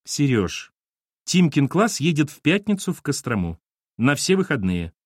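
A man's voice: a little high, big pitch swings, measured pace, husky, dry recording, clean studio sound, heavily acted. A man reading an audiobook, voicing an insistent, reproachful woman in her thirties. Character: nervous pushy ex-wife, mid-thirties woman. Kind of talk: audiobook character voice.

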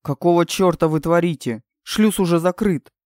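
A narrator voicing a stern male flight instructor, heard barking sharp commands over a spaceship's radio speaker in an audiobook. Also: medium pitch, moderate pace, no room sound, studio quality. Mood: angry. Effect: heard over the ship's radio speaker.

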